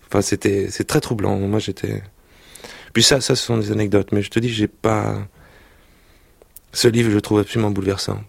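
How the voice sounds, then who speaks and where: A man's voice: fairly low pitch, flat delivery, normal speed, creaky, long pauses, husky, no echo. A man, an actor, recalling his childhood reading in a radio interview, thoughtful and full of restarts. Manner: hesitant, thoughtful, many restarts. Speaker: actor, guest. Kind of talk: reminiscing interview and reading aloud.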